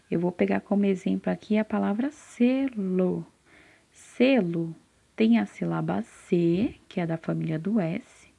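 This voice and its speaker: A woman teaching literacy to first graders in a slow, patient lesson, sounding out syllables and answering her own questions. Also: mid-range voice, vocal fry, warm tone, husky. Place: classroom with a whiteboard. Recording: slightly dull, lo-fi sound.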